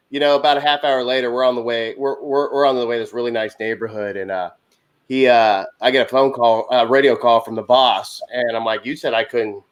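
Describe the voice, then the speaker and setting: A man telling a long, funny work anecdote on a talk show, animated and laughing as he goes. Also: mid-range voice. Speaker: HVAC technician guest. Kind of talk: casual storytelling on a talk show.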